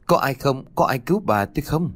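A man's voice: medium pitch, moderate pace, husky, soft background music, pitched above the performer's own voice, close to an everyday voice. A man voicing a frightened young woman crying out for her dead grandmother in a ghost story. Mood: frightened, pleading.

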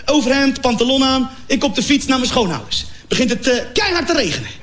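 High-voiced man doing stand-up. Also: a little fast. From Morocco. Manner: animated storytelling with sound effects and mock voices. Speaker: comedian. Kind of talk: stand-up comedy.

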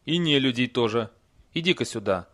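A man's voice: mid-range voice, expressive, moderate pace, a bit bright, natural voice. A man voicing a stubborn, very old male barbarian in an audiobook, curt and blunt.

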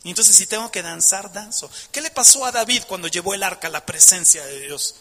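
A man's voice: high-pitched, brisk, pushed and bright, long reverb tail. A man preaching a passionate sermon, emphatic, asking the audience rhetorical questions.

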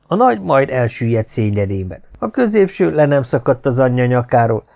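A man narrating an audiobook in a wry, expressive storytelling manner. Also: mid-range voice, gravelly.

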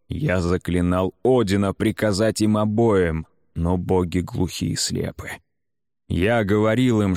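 A male narrator voices a stubborn, grieving warrior chieftain who speaks in a grim, slow, determined way. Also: deep voice, darkish tone, no echo, studio quality.

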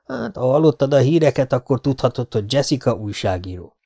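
A man voicing a laconic, tough adventurer in an audiobook, keeping close to his own dark voice. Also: medium pitch, expressive, gravelly, voice pushed up. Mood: terse. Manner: terse, matter-of-fact.

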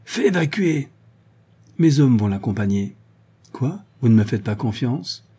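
A man's voice: medium pitch, expressive, a little slow, mellow, breathy edge. A man voicing an irritable, defensive male head of a private school who speaks in a snappish, indignant way in an audiobook.

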